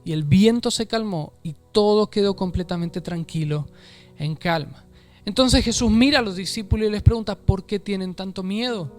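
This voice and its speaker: A man's voice: high-pitched, normal speed, a little mellow, soft background music. A man preaching an online sermon and leading prayer, speaking earnestly. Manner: earnest, rising to fervent prayer. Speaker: pastor.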